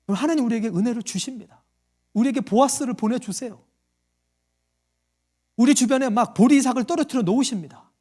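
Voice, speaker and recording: Here the preacher's voice is very high-pitched and dark in tone, a little fast, with frequent pauses. He addresses his congregation with questions and brings his stories alive by voicing the people quoted in them.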